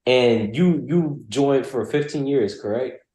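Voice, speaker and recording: A man on a talk show chatting casually, relaxed and affirming, stumbling a little as he starts. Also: mid-range voice, takes it slowly, a crowd in the background. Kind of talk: casual chat. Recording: roomy echo.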